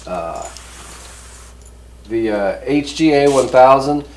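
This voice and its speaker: A man with a mid-range, darkish voice talks slowly yet animatedly as he hosts a casual hands-on product review. He's folksy, rambling and easygoing. The recording carries roomy echo, background noise and a distant mic.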